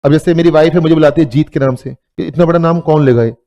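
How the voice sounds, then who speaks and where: A man's voice: on the high side, fast talker, warm tone, highs cut off. A man with an Indian accent teaching an accounts class, mixing Hindi and English, joking with his students and calling them "beta". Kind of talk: classroom lecture.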